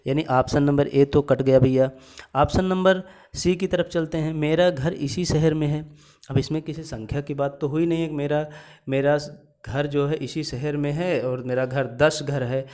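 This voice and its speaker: Fairly high in pitch with a darkish tone, this male teacher goes through exam questions methodically during an exam-prep lesson. He asks things aloud, supplies the answers himself, and repeats each one.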